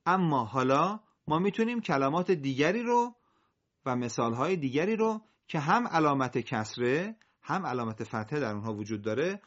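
A man teaching Quran recitation, drilling Arabic letters slowly and carefully with a class. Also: mid-range voice, a bit bright, muffled recording. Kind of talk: classroom lesson with call and response.

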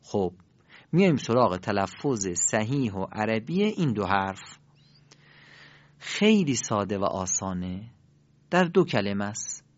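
Male teacher, animated and emphatic delivery, close dry lo-fi recording. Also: fairly low pitch, long pauses, no room sound. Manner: lively, emphatic explaining with sudden rises. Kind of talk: Quran recitation lesson.

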